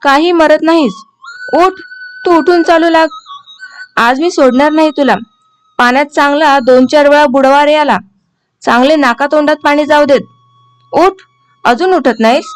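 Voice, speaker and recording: A woman's voice: sits high, normal speed, long pauses, close to an everyday voice. A woman voicing a strict but loving village mother who scolds her son sharply. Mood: angry scolding. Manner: scolding, commanding.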